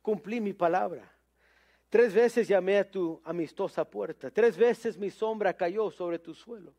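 A man's voice: high voice, unhurried, warm tone. A man intoning a solemn divine voice. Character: calm divine inner voice, solemn.

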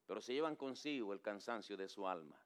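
Male pastor with a smooth, resonant voice, preaching with dramatic hushed drops. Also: lowish voice, lively intonation, fairly quick. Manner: acts out pleading quotes in a raised voice. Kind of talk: sermon.

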